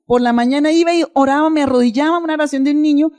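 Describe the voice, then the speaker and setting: A woman's voice: high-pitched, racing, darkish tone. A woman pastor giving a sermon, telling a personal testimony in a conversational, emotional way and addressing the congregation directly.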